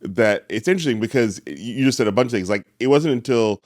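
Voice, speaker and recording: A man's voice: mid-range voice, animated, darkish tone, no room sound. Male podcast host, chatty, joking, dry close-miked sound. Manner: chatty, joking, quick back-and-forth. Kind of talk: casual interview conversation.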